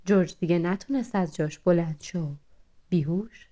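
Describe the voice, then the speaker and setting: A woman narrating an animal story in a soft, dramatic way, sinking into hushed whispers at tense moments. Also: fairly low pitch.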